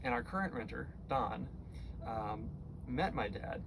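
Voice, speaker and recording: A middle-aged American man giving a heartfelt eulogy for his father, speaking tenderly and haltingly, with pauses and repeated words. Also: mid-range voice, animated, creaky, background noise. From Florida, United States.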